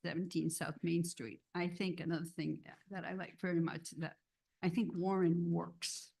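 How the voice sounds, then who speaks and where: A woman's voice: on the low side, flat delivery, normal speed, creaky, mellow. A woman born in Cuba and raised in Rhode Island, introducing herself in a chatty, personable way at a town council meeting. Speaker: board member applying for a full seat. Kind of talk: self-introduction at a public meeting.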